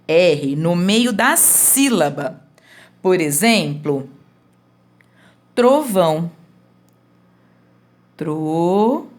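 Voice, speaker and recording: A woman teacher giving a remote school lesson, explaining slowly step by step and often checking that her students follow. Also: on the low side, sing-song. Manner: slow, explains step by step with frequent checks for understanding.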